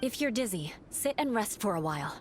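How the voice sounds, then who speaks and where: A woman's voice: mid-range voice, sing-song, fairly quick, slight background noise, natural voice. A woman voicing a composed female adventurer who takes charge of the group in a video game. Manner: composed and commanding. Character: calm, level-headed female adventurer who leads the group. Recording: game cutscene with music score. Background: game music.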